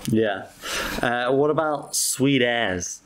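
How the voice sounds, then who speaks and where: A man's voice: medium pitch, takes it slowly, background noise. A man, co-hosting a travel podcast and quizzing his friend on slang with dry, teasing humor. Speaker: podcast co-host. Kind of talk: casual chat, quizzing on slang.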